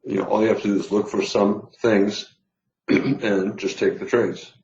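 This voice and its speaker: A man's voice: fairly low pitch, fairly even intonation, measured pace, a little mellow. A man teaching trading in a casual, rambling way, full of fillers and restarts, while losing his voice. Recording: roomy, slightly dull sound.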